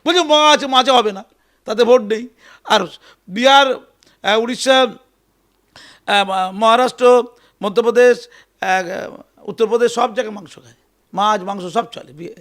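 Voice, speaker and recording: A man giving an animated, emphatic political interview, often repeating his phrases. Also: extremely high pitch, normal speed, long pauses. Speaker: interview guest.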